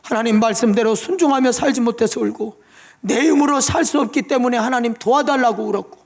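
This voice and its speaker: Male pastor, high gravelly voice, emotional testimony sermon in a church. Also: fairly quick. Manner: emotional testimony, tearful pleading prayers. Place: church sanctuary.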